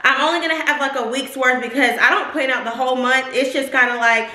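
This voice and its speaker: A woman's voice: high voice, steady tone, fast talker, bright, forceful tone. A young woman in her twenties chatting casually through a grocery haul vlog at home, rambling and laughing often. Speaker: vlogger. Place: home kitchen, indoors. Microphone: camera on the counter.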